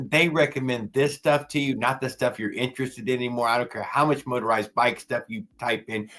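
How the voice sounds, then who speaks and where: A man's voice: lowish voice, fairly bright tone. A man chatting casually on his live stream, rambling and often trailing off mid-sentence. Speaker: video creator.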